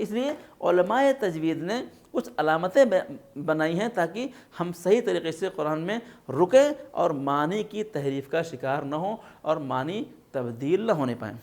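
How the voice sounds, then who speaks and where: A man with a slightly raised voice leads a religious lesson on Quran recitation. He explains each point patiently. He keeps asking his listeners questions and checking that they follow. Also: a little high.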